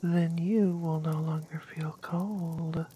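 A woman voicing an evil winter queen in a whispered storybook reading, soft, slow and beguiling. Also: low-pitched, steady tone, slight background noise. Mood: cold coaxing.

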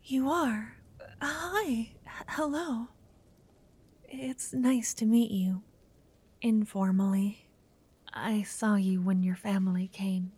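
In a soft whisper, a woman voices a shy, nervous young noblewoman in roleplay, stammering now and then. Her medium-pitched, slightly rough voice moves slowly, with frequent pauses and a hesitant feel.

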